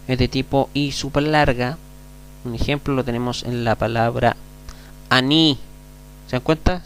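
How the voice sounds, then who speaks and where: Patient Chilean male teacher, mid-pitched gravelly voice, faint electrical hum under the recording. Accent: Chilean Spanish. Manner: patient, repeats words slowly, asks "mm?" to check. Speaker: Hebrew teacher. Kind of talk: classroom lecture.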